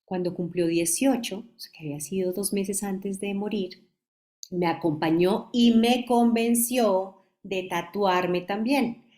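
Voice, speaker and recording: A woman in her forties with a Colombian accent, a mother giving a halting, emotional personal testimony. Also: medium pitch, steady tone, dark tone. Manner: halting, emotional, restarts mid-phrase.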